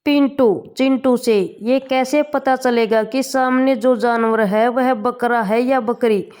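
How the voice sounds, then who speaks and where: A woman reads one short joke after another in a fairly high voice. She keeps an unhurried, deliberate pace and lets each punchline land. The delivery is plain comedy-channel joke reading. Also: steady tone, a little mellow, slight background noise. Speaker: joke reader. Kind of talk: reading jokes aloud.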